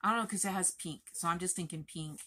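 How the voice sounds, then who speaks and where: A woman crochet vlogger talking in a chatty, rambling, expressive way to her viewers. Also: fairly low pitch, fast, slight background noise. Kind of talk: casual chatty vlog.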